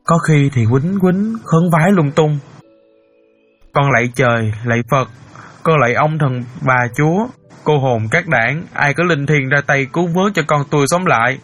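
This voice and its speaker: A man's voice: fairly high pitch, normal speed, a bit bright, soft background music. A man playing an earnest grieving father. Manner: earnest storyteller, cries out in emotion. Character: grieving middle-aged father telling his story. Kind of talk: audiobook character acting.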